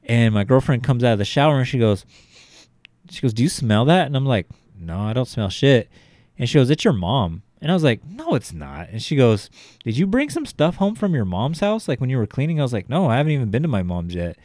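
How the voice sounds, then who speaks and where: A man's voice: mid-range voice, very animated, brisk, darkish tone, dry recording. A young adult man, a podcast co-host, telling a rambling, profane story in casual chat, full of fillers like "you know" and "like".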